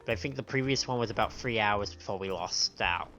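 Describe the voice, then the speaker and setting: A man with a lowish, sharp-toned voice chats fairly quickly as a livestream host, sniffling and drifting into hesitant, rambling asides. The stream audio is dull and lo-fi, with faint music underneath.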